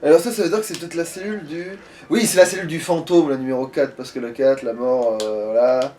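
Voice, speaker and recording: A man's voice: on the high side, fairly even intonation, fast, mellow. A man hosting a casual let's-play, chatting crudely and swearing as he plays. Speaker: gaming video host, playing. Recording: faint background noise.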